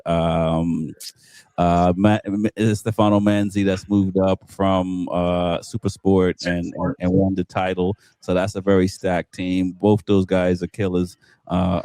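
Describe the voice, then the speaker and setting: A man hosting a casual motorcycle-racing panel chat, talking haltingly with lots of fillers and restarts. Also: low-pitched, mellow, clean tone, no room sound. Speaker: podcast host.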